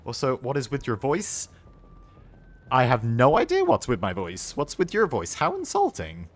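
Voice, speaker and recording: A man's voice: medium pitch, huge pitch swings, normal speed. A British man streaming a war video game live, joking and chatting with his viewers as he plays. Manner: joking, chatty, reads chat aloud.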